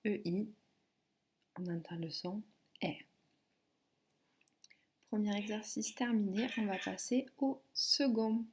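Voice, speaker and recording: Slow-spoken woman teaching phonics. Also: medium pitch. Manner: slow, clearly articulated dictation. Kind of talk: phonics lesson for a child.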